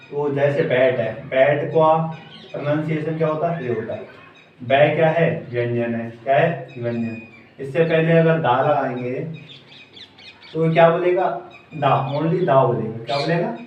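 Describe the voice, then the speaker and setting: A man's voice: a little high, muffled recording, slight background noise. A man teaching English pronunciation in an online class. He asks his students questions and answers them himself, in a repeating drill style. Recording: echoey room, mic at a distance.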